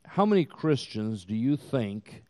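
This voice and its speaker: A very animated man in his sixties preaches a sermon as pastor, his medium-pitched delivery slow and emphatic, swelling to loud peaks. He was recorded in a church sanctuary with long hall reverb.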